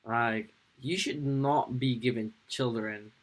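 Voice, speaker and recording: A man hosting a reaction video, talking straight to his viewers in a halting, agitated way. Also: mid-range voice, fairly even intonation, poor audio. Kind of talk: casual reaction commentary.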